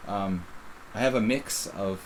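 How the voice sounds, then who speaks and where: A middle-aged chess streamer with a faint Philadelphia accent and a fairly low voice gives live commentary on a game as he plays. He's casual and unhurried, rambling and breaking off sentences to restart them. The recording is rough, with a faint hiss under his voice.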